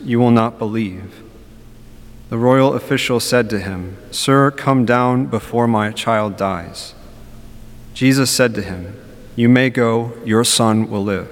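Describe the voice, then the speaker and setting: A young adult man reading the gospel and preaching in a large church, speaking in earnest short phrases, with a cathedral echo. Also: medium pitch. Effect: cathedral echo, long church reverb. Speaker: preacher at a Mass. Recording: long reverb of a large church.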